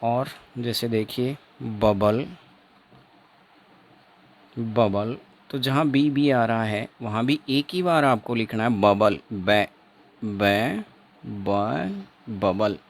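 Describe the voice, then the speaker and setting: Slow-talking man teaching a lesson. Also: mid-range voice. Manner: slow, repetitive, drills each sound several times. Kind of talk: exam-prep phonetics lesson.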